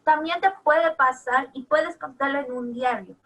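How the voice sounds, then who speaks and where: A high, bright voice of a female pupil answering her teacher over a video call. She talks hesitantly, restarting and looking for the right words. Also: moderate pace, rough recording. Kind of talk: answering in an online class.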